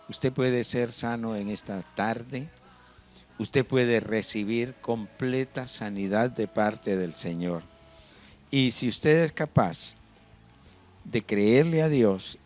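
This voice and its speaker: A man preaching a sermon, emphatic and full of rhetorical questions, with his volume swinging up and down. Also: medium pitch. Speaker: pastor.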